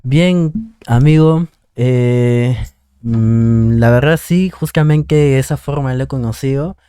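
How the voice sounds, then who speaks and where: A man's voice: medium pitch, takes it slowly, mellow, clean tone, no room sound, clean studio sound. A man hosting his channel, introducing a guest and asking questions in a friendly, hesitant way. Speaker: channel host. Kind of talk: conversational interview.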